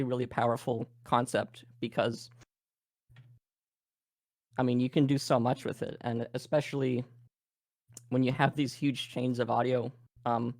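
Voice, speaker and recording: Flat, gravelly-voiced Canadian man. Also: mid-range voice, dry recording. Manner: relaxed, thinks aloud with fillers. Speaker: game audio presenter. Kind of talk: live workshop demo.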